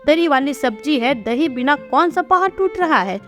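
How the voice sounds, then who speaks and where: A woman voicing a gruff, impatient older father-in-law in a storybook reading. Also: high voice, expressive, normal speed, soft background music. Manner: grumbling, impatient.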